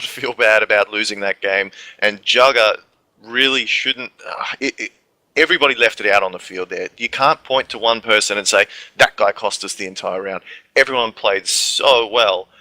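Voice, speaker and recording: A man's voice: medium pitch, bright, forceful tone, dry recording, low-quality recording. A man giving laid-back analytical color commentary on an esports match. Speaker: esports co-caster.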